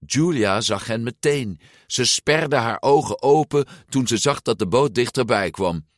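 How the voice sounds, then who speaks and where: Slow, expressive male storybook narrator. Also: mid-range voice, no echo, clean studio sound. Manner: slow, expressive, lively intonation. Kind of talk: storybook read-aloud narration.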